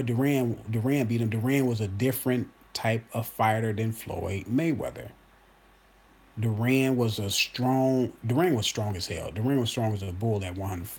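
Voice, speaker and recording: A husky man in his early forties holds forth in a loose, unscripted monologue. He talks emphatically, circles back to repeat his points and speaks straight to the people watching. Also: on the low side, darkish tone. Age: 40s. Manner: emphatic, repeats himself, addresses viewers as y'all. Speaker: boxing commentator host. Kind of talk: casual opinion monologue.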